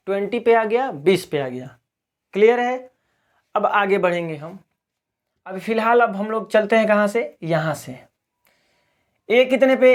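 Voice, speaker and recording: A man from Bihar, teaching a video lesson in a question-and-answer drill, asking each question and answering it himself. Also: high-pitched. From Bihar, India. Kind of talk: classroom-style video lesson.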